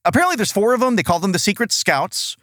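A man's voice: high-pitched, sing-song, quick pace, bright, forceful tone, dry recording, studio quality. A man co-hosting a podcast, reviewing in an exasperated, profane, casual and comic way. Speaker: podcast co-host.

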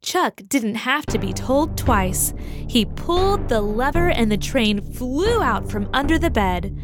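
A woman reading a children's story aloud with gentle, expressive storytelling. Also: a little high, unhurried. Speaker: narrator. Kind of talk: scripted children's story narration. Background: music for children.

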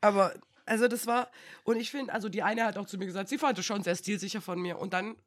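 A woman's voice: medium pitch, quick pace. A young woman co-hosting a podcast, chatting casually and acting out quoted dialogue as she tells stories, laughing often. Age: young adult. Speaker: podcast co-host. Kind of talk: casual chat.

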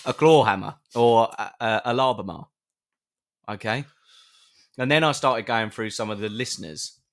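A man's voice: lowish voice, moderate pace, fairly bright tone. A British man co-hosting a live podcast, chatting casually and playfully with listeners, often restarting his sentences. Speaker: podcast co-host.

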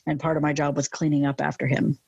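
A woman's voice: sits low, flat delivery, quick pace, gravelly, darkish tone, husky, no room sound, highs cut off. A young woman with a lateral lisp, chatting casually in an interview, rambling with many fillers. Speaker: interview guest.

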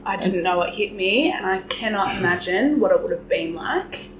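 A woman's voice: medium pitch, lively intonation, moderate pace. A 22-year-old woman, a podcast guest, speaking emphatically and forthrightly. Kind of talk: opinionated conversation. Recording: roomy with clear background noise.

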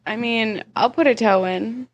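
A woman's voice: a little high, a little slow, muffled recording. A young woman co-hosting a podcast who laughs easily and reacts with amusement in a casual chat. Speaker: podcast co-host.

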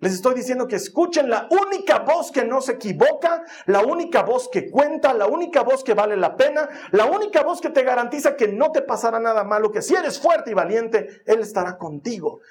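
High-voiced man preaching. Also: animated, fairly quick, hardly any pauses. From Bolivia. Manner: storytelling, emphatic repetition. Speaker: pastor. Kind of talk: sermon.

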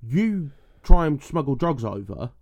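Mid-pitched man, blunt casual chat. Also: big pitch swings, a little slow, darkish tone. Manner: blunt, sweary, explains through anecdotes and reported quotes.

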